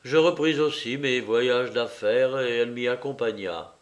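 Slow, measured male audiobook narrator. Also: mid-range voice. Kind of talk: audiobook reading.

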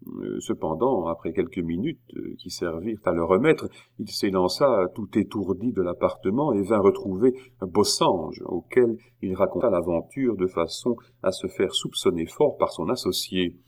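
Deep-voiced man reading a novel aloud. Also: expressive, a little mellow. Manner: measured, with occasional hesitations. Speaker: audiobook reader.

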